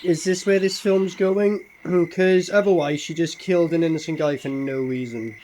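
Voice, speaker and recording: A man's voice: a little high, steady tone, moderate pace, mellow, a little hiss or hum. A man giving casual, mocking running commentary on a film, sarcastic and full of swearing. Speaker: horror film reviewer reacting while watching.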